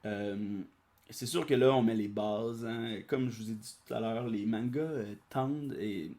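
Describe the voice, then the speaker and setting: A man's voice: fairly low pitch, a little slow, darkish tone. A man casually reading a manga aloud, with chatty asides and many hesitations. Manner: chatty, aside-filled, hesitant filler-heavy commentary. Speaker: audiobook reader and commentator.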